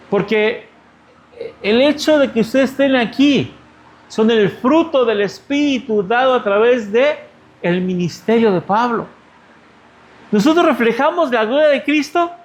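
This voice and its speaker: A Mexican male pastor giving a conversational sermon, asking the congregation rhetorical questions. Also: very high-pitched. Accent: Mexican Spanish.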